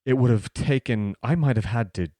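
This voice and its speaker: A man hosting a podcast tells a personal story in a casual, earnest way, a little fast, dropping soft and low during tense moments. There's no echo.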